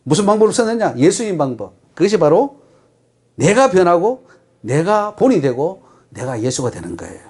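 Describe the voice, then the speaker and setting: A man's voice: high-pitched, sing-song, moderate pace, darkish tone, slightly rough. A man with a Gyeongsang accent preaching a sermon as pastor, emphatic and putting rhetorical questions to the congregation. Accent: Gyeongsang Korean.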